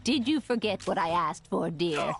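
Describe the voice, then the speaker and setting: Casting: fussy, polite older game lady, lowish pitch, animated lilt, gently coaxing. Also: normal speed, creaky, music in the background. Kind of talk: scripted video game voice acting.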